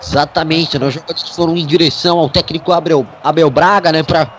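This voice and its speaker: A Brazilian man calls a football match live for web radio. His voice sits slightly high, and there is light noise in the background. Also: steady tone, brisk, a bit bright. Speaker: football play-by-play commentator.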